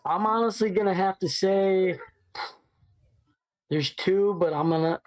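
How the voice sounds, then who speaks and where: A man's voice: sits high, rough recording. Enthusiastic man piling up examples. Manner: enthusiastic, piles up quick examples. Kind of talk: casual watch-along chat.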